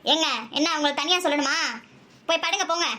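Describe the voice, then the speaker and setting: Cartoon mom, strict but doting, high and rapid-fire; woman voices her. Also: steady tone, bright, forceful tone. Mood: scolding. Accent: Tamil Nadu. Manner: scolding, quick-tempered, then tender. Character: strict, loving middle-aged village mother. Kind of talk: cartoon voice acting.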